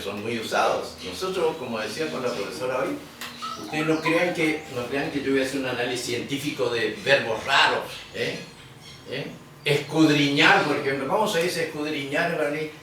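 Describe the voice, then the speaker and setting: A middle-aged man lectures a class, filling sentences with quick checks for understanding. He is caught from across a very echoey room, his voice distant, with a faint hiss underneath. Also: medium pitch, fairly bright tone. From Corrientes, Argentina. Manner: explanatory, frequent tag questions. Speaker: language teacher. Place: large echoey room, museum workshop. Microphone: far camera.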